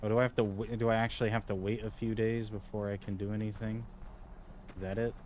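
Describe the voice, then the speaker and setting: A man's voice: fairly low pitch, little pitch movement, fast talker, darkish tone, a little hiss or hum. A man streaming a video game, talking casually and bluntly with plenty of swearing at the characters on screen. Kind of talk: casual gameplay commentary.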